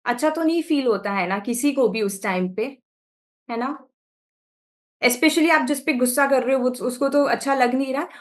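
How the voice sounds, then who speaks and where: Indian woman teacher, online class, high voice, keeps asking the class to follow along. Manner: asks the class short check questions. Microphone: video call.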